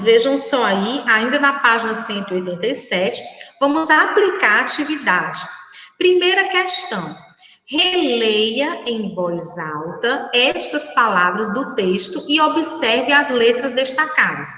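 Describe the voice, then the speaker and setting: Brazilian schoolteacher, woman, high voice, slow sing-song delivery to kids, recorded from afar in a roomy space. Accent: Brazilian Portuguese. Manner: slow, sing-song, addresses children warmly. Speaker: primary school teacher. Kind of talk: remote class lesson. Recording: echoey room from far off.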